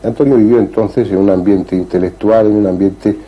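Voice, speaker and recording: A man hosting an interview, asking questions and narrating in a calm, thoughtful way. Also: fairly low pitch, moderate pace, low-quality recording. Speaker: interviewer and host.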